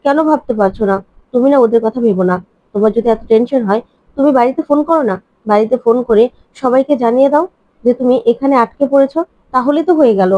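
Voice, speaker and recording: A woman's voice: on the high side, no echo, close to an everyday voice. A woman voicing an adult man who is insistent, hurt and defensive, pressing one reproachful question after another in a dry, dull recording. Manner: pleading, rapid, reproachful questions.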